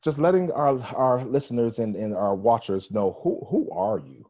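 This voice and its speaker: A man's voice: medium pitch, sing-song, moderate pace, dark tone, dull audio. A man hosting a casual radio interview, rambling with many fillers and restarts. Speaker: radio show host.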